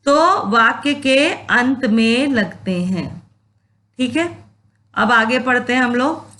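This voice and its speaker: Slow, patient woman teacher. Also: a little high, lively intonation, sharp tone. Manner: patient, repeats points and checks understanding; mixes English words into Hindi. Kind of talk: classroom lesson on Hindi grammar.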